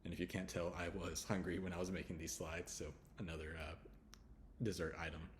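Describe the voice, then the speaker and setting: Deep-voiced man teaching pronunciation. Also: a little hiss or hum. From United States. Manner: relaxed, repeats sounds slowly, chatty asides. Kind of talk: slide-based pronunciation lesson.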